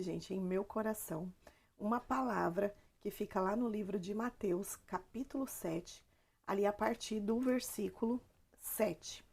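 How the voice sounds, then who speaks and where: A Brazilian woman giving an informal, earnest devotional talk, her voice hoarse and strained as if from swollen tonsils. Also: mid-range voice, a little mellow. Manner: earnest, explanatory, addresses listeners directly. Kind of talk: informal devotional talk to camera with scripture reading.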